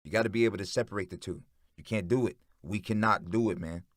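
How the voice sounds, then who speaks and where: A brash, raspy drug boss barks orders in a drawl, as a male narrator puts him on. The voice sits deep and the sound is dry and close. He talks like a man used to being obeyed. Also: fast talker, dry recording, lightly acted. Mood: lecturing. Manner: agitated, bossy, shouting orders.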